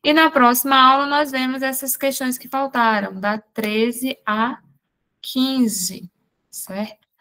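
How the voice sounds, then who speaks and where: Woman teacher, slightly high voice, unhurried exam-prep grammar lesson, answers her own questions as she goes. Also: fairly even intonation, bright, forceful tone. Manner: explains step by step with quick rhetorical questions. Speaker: Portuguese teacher.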